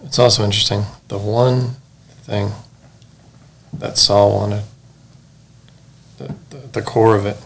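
A man's voice: on the low side, level tone, unhurried, vocal fry, pauses often. A man in a Bible study, affirming the teacher and adding his own reflective point. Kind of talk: conversational Bible discussion.

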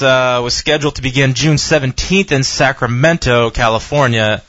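A male talk radio host delivers a sarcastic rant in an unhurried, drawn-out way, pausing often on fillers. His voice sits at an ordinary pitch and sounds dry and close. The audio is dull and lo-fi, like a web stream. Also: a bit bright, no room sound. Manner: sarcastic, ranting. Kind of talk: opinionated talk radio monologue.

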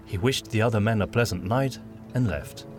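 A man reading a fantasy audiobook in a measured storytelling manner. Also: fairly low pitch, over music. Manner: measured storytelling, doing all the voices. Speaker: narrator. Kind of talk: scripted audiobook narration.

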